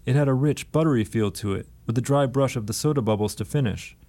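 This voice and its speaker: Male author-narrator, steady, mid-pitched, radio book reading. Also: quick pace. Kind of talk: audiobook narration.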